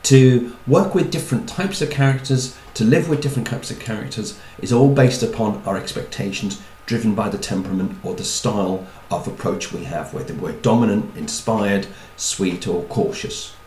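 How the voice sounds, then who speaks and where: A man's voice: on the low side, normal speed, hardly any pauses, darkish tone, echoey room, slight background noise, poor audio. A man giving a chatty talk on personality types, with wry asides and repeated words. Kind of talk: talk to an audience.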